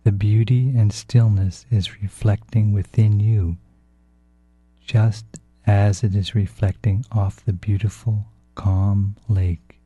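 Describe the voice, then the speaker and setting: A man narrating a guided relaxation in a soft, hushed, calm and unhurried way, as a meditation guide. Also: fairly low pitch, husky, faint music behind. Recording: dull, roomy, echoing sound.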